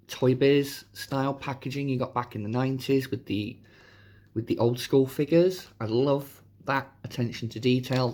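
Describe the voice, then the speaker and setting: A man hosting a casual, chatty toy review, his voice hoarse from a sore throat. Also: mid-range voice. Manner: informal, chatty. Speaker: host of a toy review channel.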